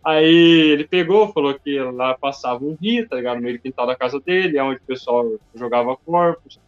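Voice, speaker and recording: A man's voice: medium pitch, moderate pace. A man from Brazil chatting casually, full of slang and filler words. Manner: slangy, peppers speech with "mano" and "tá ligado". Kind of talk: casual chat. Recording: dull lo-fi recording with faint music.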